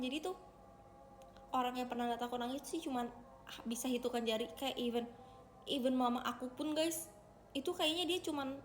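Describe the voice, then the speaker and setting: A woman's voice: on the high side, a little hiss or hum. A young woman hosting a casual livestream, chatting with her viewers and calling them guys. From Indonesia. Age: young adult. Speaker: idol livestreamer.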